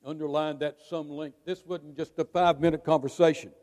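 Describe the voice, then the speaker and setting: High-voiced preacher in an echoing hall. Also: male voice, steady tone, a little mellow. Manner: emphatic preaching with dramatic pauses. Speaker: pastor. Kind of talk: sermon. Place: church sanctuary. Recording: long reverb of a large hall.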